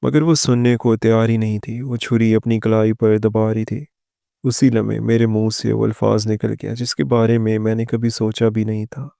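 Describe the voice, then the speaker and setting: Low gravelly male storyteller. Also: level tone, mellow, no room sound, studio quality. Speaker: narrator. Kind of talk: first-person story narration.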